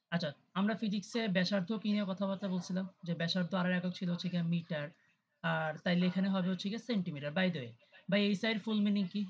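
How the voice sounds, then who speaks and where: A tutor talks through an online class at an average pitch, switching into English terms and often asking if everyone is following. The voice comes over a video call. The sound is dull and lo-fi with a faint hiss underneath. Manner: conversational, often checks in with students; mixes English terms into explanations. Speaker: chemistry tutor.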